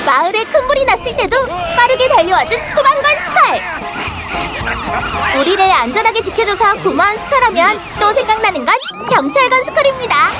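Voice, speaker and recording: Cartoon intro announcer, very high childlike pitch, hugely animated, playful exclamatory narration, music behind. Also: a little fast. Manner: exclamatory, playful show-presenter delivery.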